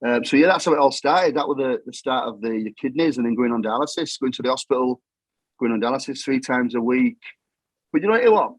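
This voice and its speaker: A man's voice: mid-range voice, lively intonation, fairly quick, no room sound, rough recording. A middle-aged man with a Yorkshire accent, telling his story in plain-spoken, matter-of-fact talk that often repeats itself. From England. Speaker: guest. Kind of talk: casual storytelling.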